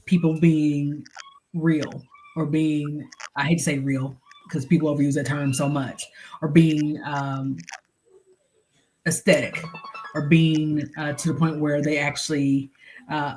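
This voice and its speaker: A middle-aged woman hosting a podcast, talking casually and reflectively with frequent pauses and fillers. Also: sits low, a little mellow, slight background noise, poor audio. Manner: reflective, pauses with many ums and you-knows. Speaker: podcast host. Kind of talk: casual chat.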